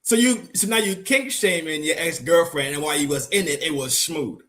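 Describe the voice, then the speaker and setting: A man co-hosting a casual podcast, excitable and slangy, sometimes drawing words out. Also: a little high, a little fast. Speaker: co-host.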